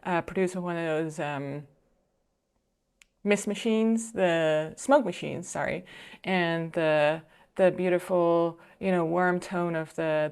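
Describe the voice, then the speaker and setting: A Dutch-speaking woman, a filmmaker who hosts reaction videos, narrates a clip as she watches it, her voice smooth and slightly low. She's chatty and thoughtful, pausing on fillers and restarting sentences in what sounds like casual reaction commentary.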